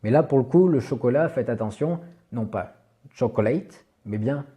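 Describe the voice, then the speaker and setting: A man gives an English pronunciation lesson on video, speaking patiently, slowly and carefully, with many small "bah" fillers. His voice is mid-range with a dark tone.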